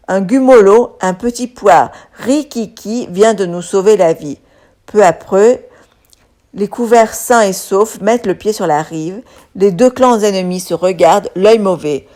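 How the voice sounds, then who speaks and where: Woman reading a children's story aloud. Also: mid-range voice. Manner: expressive, animated reading.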